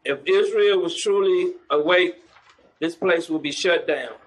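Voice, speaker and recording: A man's voice: high-pitched, unhurried, poor audio. A man preaching in the street, mocking churchgoers and calling for the next verse to be read. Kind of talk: street preaching with scripture reading.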